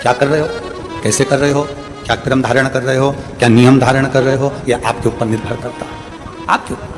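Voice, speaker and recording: A man's voice: mid-range voice, little pitch movement, a little fast. Impassioned male preacher in echoing hall. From India. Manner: impassioned, rhetorical, repeats phrases and calls on the crowd. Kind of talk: devotional sermon with sung verses. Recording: echoey hall with long reverb and music.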